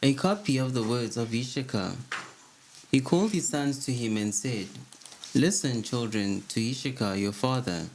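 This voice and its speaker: A man reading an old religious text aloud at a steady, measured pace as a co-host. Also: mid-range voice, a little hiss or hum, rough recording.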